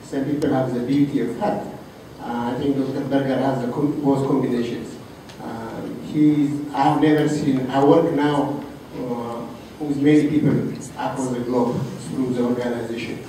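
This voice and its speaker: Soft-spoken man from Africa, echoey hall. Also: mid-range voice, steady tone. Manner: soft-spoken, halting, many fillers. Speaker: colleague giving a tribute. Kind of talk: heartfelt tribute speech. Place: reception room. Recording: roomy, distant, noisy room recording.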